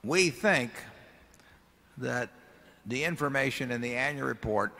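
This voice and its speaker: Speaking at a table microphone in a huge arena, an older man gives relaxed, rambling answers to shareholder questions, often starting over. His mid-range voice carries lively intonation at a measured pace, with vocal fry and a pushed, bright quality. Long hall reverb from the PA hangs over everything.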